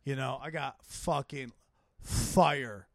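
A man talking as a comedian guest on a casual podcast, swearing a lot and speaking in excited, emphatic bursts. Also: medium pitch, slow, no echo, clean studio sound. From Armenian and Italian heritage. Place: home studio man cave.

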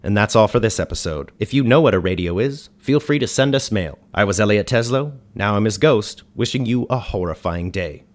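An actor playing a dry, exasperated ghost who hosts a radio show, speaking in a deadpan, wry way. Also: male voice, fairly low pitch, a little fast, hardly any pauses, close to an everyday voice. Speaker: host. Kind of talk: comedy radio sketch.

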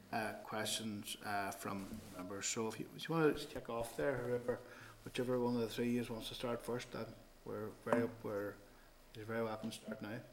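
A Northern Irish man chairing a formal committee meeting in a businesslike, procedural way, with halting delivery. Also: on the low side. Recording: clearly noisy meeting audio with clicks.

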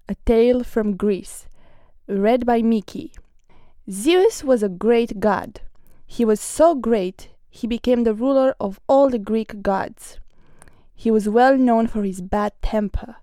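A woman's voice: fairly high pitch, mellow, no room sound. Woman reading a storybook tale.

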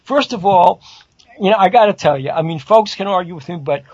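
High, husky man on a dry lo-fi mic. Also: expressive, a little fast, darkish tone, no echo. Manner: wry, rambling, jokey asides. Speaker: co-host. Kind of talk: casual podcast chat. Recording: dry, dull lo-fi sound.

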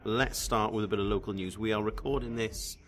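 A man hosting a casual football chat, relaxed and hesitant, often restarting his phrases. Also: fairly low pitch, fairly quick. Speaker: podcast host.

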